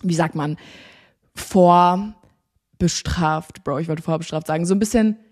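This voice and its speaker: A young woman hosting a podcast, telling a story in a chatty, animated, slangy way. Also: lowish voice, a little slow. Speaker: podcast host. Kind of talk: casual storytelling monologue.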